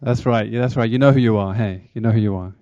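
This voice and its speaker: Addressing a church congregation as a charity speaker, this South African-accented man keeps things chatty and engaging, quizzing the audience. He talks fast in a fairly low, warm voice, in a dry, muffled recording.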